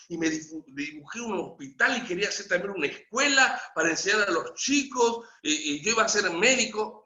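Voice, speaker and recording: Bright, forceful Argentine preacher. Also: male voice, fairly high pitch. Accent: Argentine Spanish. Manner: lively, humorous, acts out the story with quoted voices. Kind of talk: storytelling sermon. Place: church. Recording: echoey church hall, dull lo-fi.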